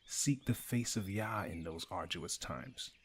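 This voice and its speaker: A man delivering a scripted morning devotional in a measured, earnest way. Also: low-pitched, slightly rough. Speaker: devotional speaker.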